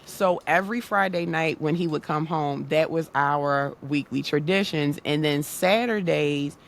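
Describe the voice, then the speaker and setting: A woman guest on a podcast, telling a personal story in an animated way and acting out the dialogue. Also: sits low, measured pace, gravelly. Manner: animated, acts out quoted dialogue. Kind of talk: casual storytelling.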